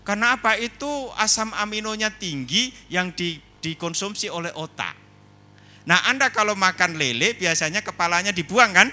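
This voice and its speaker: A man giving a lively, humorous seminar talk indoors, telling stories and putting questions to the audience. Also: high-pitched, moderate pace. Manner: animated storyteller, asks the audience questions. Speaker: seminar speaker.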